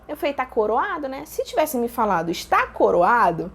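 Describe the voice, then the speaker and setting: A young Brazilian woman casually telling a personal story, acting out her own shouted lines with laughter. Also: high-pitched, brisk. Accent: Brazilian Portuguese. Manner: animated, acts out quoted shouts with laughter.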